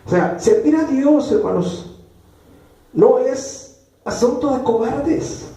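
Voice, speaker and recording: A man's voice: extremely high pitch, expressive, takes it slowly, creaky, dark tone. A man preaching a sermon as pastor, emphatic and driving his points home by repeating phrases. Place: church. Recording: echoey church room, mic far off.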